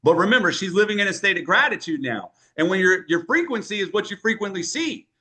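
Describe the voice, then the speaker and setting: A man coaching a group on sales in an energetic, punchy way, often checking in with "right?". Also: high-pitched, quick pace.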